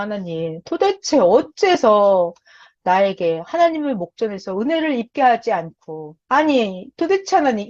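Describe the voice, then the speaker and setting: A woman's voice: mid-range voice, darkish tone. A woman voicing an anguished old prophet who pleads with God in exasperation, on a dull lo-fi recording. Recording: dull lo-fi sound.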